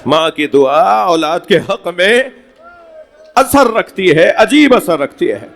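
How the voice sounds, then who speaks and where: A male cleric delivering a mourning sermon at a religious gathering, impassioned and rising to shouted lament. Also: high voice, animated, vocal fry, a faint crowd. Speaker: Shia cleric giving a majlis. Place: mosque hall at a gathering.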